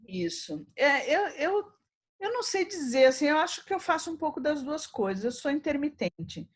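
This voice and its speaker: Lively Brazilian woman telling a story. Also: high-pitched, moderate pace. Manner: animated storyteller, acts out dialogue and laughs often. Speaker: poet, interview guest. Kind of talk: anecdotal interview storytelling.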